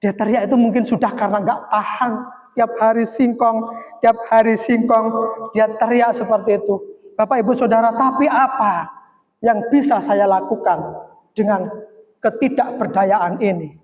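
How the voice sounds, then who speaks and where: A woman's voice: on the high side, steady tone, moderate pace. Earnest woman preaching in an echoey hall. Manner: earnest, heartfelt storytelling addressing the congregation. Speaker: church speaker giving testimony. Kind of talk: testimony sermon. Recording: echoey hall, dull lo-fi sound.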